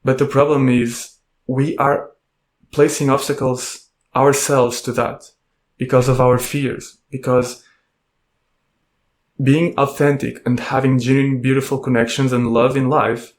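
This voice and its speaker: A man hosting a self-help podcast, speaking calmly and gently in a reflective monologue full of rhetorical questions. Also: mid-range voice. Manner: calm, gentle, asks many rhetorical questions. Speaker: podcast host and coach.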